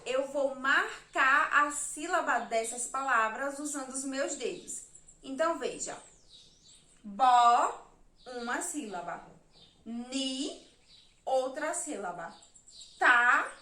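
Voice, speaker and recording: A woman teacher from Brazil giving a remote lesson to young children, counting letters and syllables slowly and patiently. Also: high voice, sharp tone, roomy sound.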